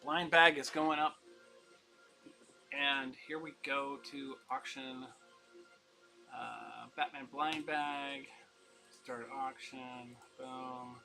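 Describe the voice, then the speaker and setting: A man's voice: mid-range voice, fairly even intonation, extremely slow, creaky, long pauses, music in the background, poor audio. A man running a casual live-stream comic auction, chatty and upbeat, rambling and laughing as he talks.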